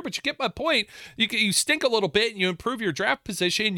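A man with a sore, fading voice co-hosts a sports podcast, talking casually and rambling through restarts. His tone is bright and a little high, recorded dry and close on a desk mic with no room sound. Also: no echo. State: losing his voice, sore throat. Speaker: podcast co-host. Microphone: desk mic with mute button.

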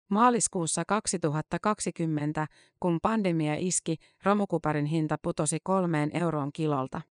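Low-voiced woman narrating a news feature. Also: no echo, clean studio sound. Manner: measured, matter-of-fact storytelling.

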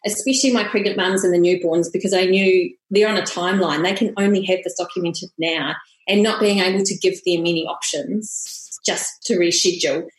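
A woman's voice: lowish voice, fairly even intonation, a little fast. Echoey Kiwi woman, broad accent. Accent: broad New Zealand (Kiwi). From New Zealand. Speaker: podcast guest, family portrait photographer. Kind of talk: conversational interview. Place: room, standing with baby in arms.

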